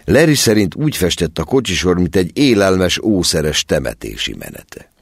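A man narrating a story aloud as an audiobook, in an expressive storytelling manner. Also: low-pitched, breathy edge, no echo, studio quality. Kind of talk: scripted narration.

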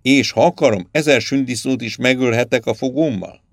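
A man playing a shrill, spoiled young prince. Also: no echo, clean studio sound, natural voice. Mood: eager. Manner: whiny, demanding, shrill outbursts. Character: cruel, petulant young prince, mad for power.

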